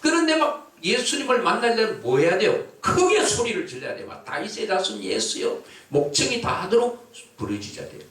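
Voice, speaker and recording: A man preaching a sermon as pastor, calling out to the congregation and shouting out his examples. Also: high-pitched, wildly swooping pitch, a little fast, a little hiss or hum. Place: church or prayer house hall. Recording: echoey hall, voice from far off mic.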